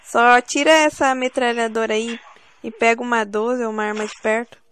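A woman's voice: fairly high pitch, steady tone, normal speed, fairly bright tone, clear, resonant tone, poor audio. A woman from Brazil hosting a gaming video from home, bossing and teasing her teammates in exasperated banter. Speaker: gameplay channel host. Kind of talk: casual gaming commentary.

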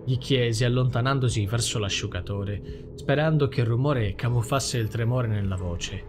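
A man reading a dark novel as an audiobook, slow and dramatic. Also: medium pitch, background noise. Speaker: audiobook narrator. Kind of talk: scripted narration. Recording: faint background music.

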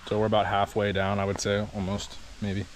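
A man in his twenties, a travel vlogger, talks to an action camera held at arm's length as he hikes a rainforest volcano trail. He speaks in a lowish monotone, a little fast. The recording is rough, with faint outdoor noise.

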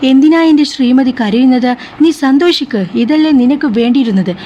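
A woman voicing a bitter young husband who speaks to his new wife with cold, low contempt, in a slightly muffled recording. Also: brisk, warm tone, close to an everyday voice. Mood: scornful. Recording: slightly muffled with faint hiss.

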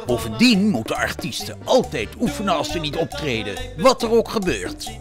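A man's voice: a little high, very animated, normal speed, over music. A man doing a grumbling know-it-all minister. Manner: grumbling, lecturing.

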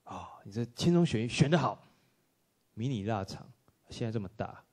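A man giving a lively storytelling talk to an audience at a film workshop, acting out dialogue and laughing often. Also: lowish voice, normal speed, very noisy.

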